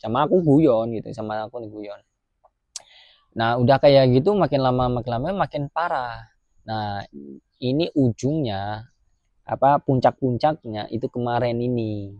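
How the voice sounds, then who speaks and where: A man's voice: medium pitch, normal speed, long pauses, no room sound, dull audio. Man. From Indonesia. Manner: lively retelling, acts out voices and sounds. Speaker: migrant worker vlogger. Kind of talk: casual storytelling vlog.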